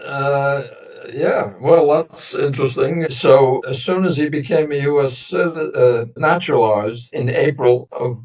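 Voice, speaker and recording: An American man in his nineties, whose first language was a Sicilian dialect, slowly recounts family history as an interview guest. His mid-range voice has a darkish tone, and his meandering, reflective storytelling is full of pauses. He sounds distant from the mic.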